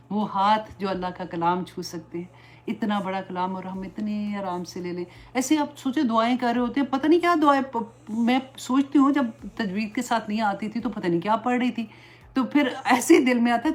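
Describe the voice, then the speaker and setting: Earnest woman preacher, pleading tone. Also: mid-range voice. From Pakistan. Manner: earnest and pleading, mixes in English words. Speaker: religious teacher. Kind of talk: religious lecture.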